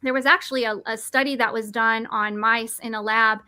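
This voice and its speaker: A woman in her forties presents mushroom supplements with eager, nerdy enthusiasm, frequently restarting words and correcting herself. Her fairly high voice is brisk and sharp with a steady tone, recorded with no room sound.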